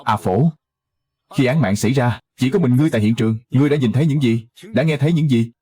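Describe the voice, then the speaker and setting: A man voicing a stern, impatient young county magistrate questioning a witness, with a husky voice. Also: medium pitch, quick pace, mellow, natural voice.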